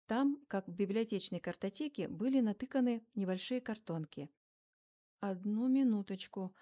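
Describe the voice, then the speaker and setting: A woman reading first-person narration for an audiobook, measured and even. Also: medium pitch, highs cut off.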